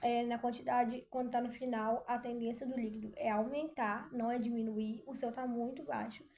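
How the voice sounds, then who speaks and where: A young woman from Brazil telling a personal story in a lively way, speaking straight to her viewers and often breaking off with fillers and restarts. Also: on the high side, normal speed. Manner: animated, addresses viewers as "gente", many fillers. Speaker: vlogger.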